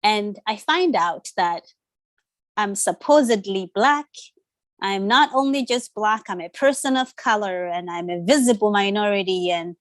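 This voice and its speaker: A woman's voice: mid-range voice, unhurried, dry recording. A woman, a Ndebele speaker, talking as an interview guest in a reflective, hesitant way. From Zimbabwe. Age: 30s. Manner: reflective, hesitant with many fillers. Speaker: guest, social worker. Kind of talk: conversational interview.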